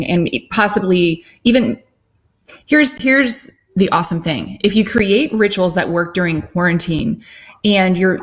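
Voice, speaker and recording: A woman in her forties co-hosting a casual live-stream chat with her husband, chatty and quick to laugh. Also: lowish voice. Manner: chatty, laughs easily, talks through ideas. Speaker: co-host.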